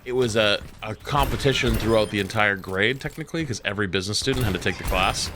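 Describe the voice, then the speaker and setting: A young man chats casually over his gameplay stream and tells a long story. He swears freely and leans on fillers. He gets animated when he complains. A faint hiss and game sounds sit behind his voice. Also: fairly low pitch, fast. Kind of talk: casual chat while gaming.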